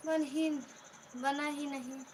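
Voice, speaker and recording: A middle-aged woman with an Awadhi accent, hoarse from talking, casually chatting with viewers on a live stream and greeting them by name. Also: high-pitched, steady tone, slow pace, a little hiss or hum. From Pratapgarh region, Uttar Pradesh.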